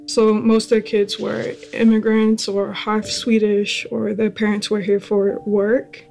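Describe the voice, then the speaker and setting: A woman's voice: medium pitch, completely flat delivery, a little slow, vocal fry, darkish tone, faint music behind. A young woman from the UK, a student, talking casually in an interview and often saying "like". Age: young adult. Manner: casual, with fillers like "like".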